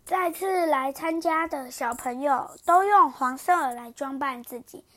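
A woman reading a children's picture book aloud in an expressive, animated way. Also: sits high, unhurried, a little hiss or hum. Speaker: storyteller.

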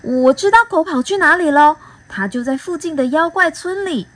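A woman voicing a small, kind, helpful bee in a storybook read-aloud, gentle and reassuring. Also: high-pitched, animated, normal speed, no room sound, pitched above the performer's own voice. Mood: eager.

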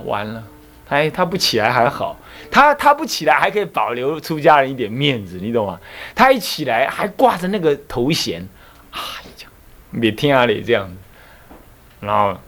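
A man, a Buddhist monk and abbot, giving a dharma lecture, telling anecdotes with emphasis and frequent chuckles. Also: medium pitch. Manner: animated storytelling, emphatic, chuckles often.

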